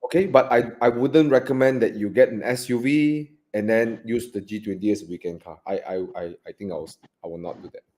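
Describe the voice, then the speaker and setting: A man with a Malaysian English accent co-hosting a live car Q&A in relaxed, chatty talk that trails off softly. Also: mid-range voice, brisk, few pauses. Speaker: co-host of a car buying Q&A. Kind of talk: live stream casual chat.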